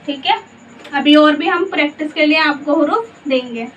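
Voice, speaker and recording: A woman teaching a slow Urdu spelling lesson. She says each letter in turn, then reads out the whole word, and she asks the learner questions along the way. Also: high-pitched, fairly bright tone. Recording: dull, muffled audio from a distance with faint background hiss.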